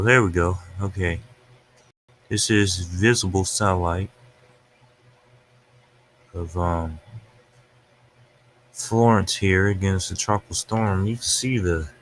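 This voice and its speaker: A low-pitched man gives an unscripted weather rundown from an upstairs room at home, speaking into a webcam. He talks loosely, narrating whatever is on his screen as he goes. A faint background noise sits under the recording. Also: a bit bright. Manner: loose and unscripted, talking through his screen while he waits on it. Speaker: weather livestreamer. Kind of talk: casual weather commentary.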